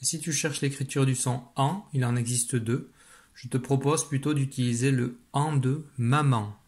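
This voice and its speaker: A man with a slightly husky voice teaches young children in a recorded video lesson. He speaks patiently and explains each step slowly and carefully, at a middle pitch. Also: steady tone, darkish tone.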